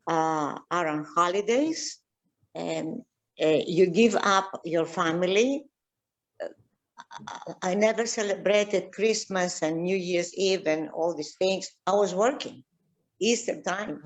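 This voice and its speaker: Slow, halting older woman guide. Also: fairly low pitch. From Egypt. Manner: slow, halting, many fillers and restarts. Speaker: tour guide and archaeologist. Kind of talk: casual video-call chat.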